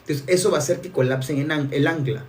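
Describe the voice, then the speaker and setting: Emphatic man, slightly raised pitch. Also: fast, recorded from a distance. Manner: energetic, emphatic, restarts words often. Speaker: NLP coach. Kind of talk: live stream teaching, answering viewer comments.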